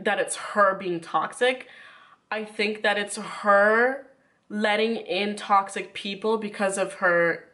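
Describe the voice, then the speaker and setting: Woman, mid-pitched voice, casual YouTuber commentary, rambling and informal, sick with a runny nose. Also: pushed and bright. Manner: informal, rambling, frequent filler "like". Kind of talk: casual chatty commentary to viewers.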